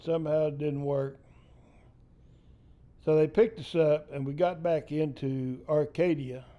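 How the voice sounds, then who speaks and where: A man's voice: fairly high pitch, steady tone, a little slow, dull audio. An older man from East Texas with a Texan accent, telling a profane family story in casual storytelling style. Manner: salty, profane yarn-spinning.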